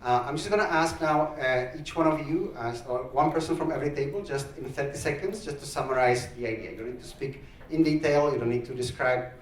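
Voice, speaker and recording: A man's voice: mid-range voice, brisk, a little hiss or hum. A man running a workshop. He gives instructions with many fillers and encourages the groups. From Czech Republic. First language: Czech. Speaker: workshop facilitator. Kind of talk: workshop facilitation. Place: large conference hall. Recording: echoey hall, speaker far from mic.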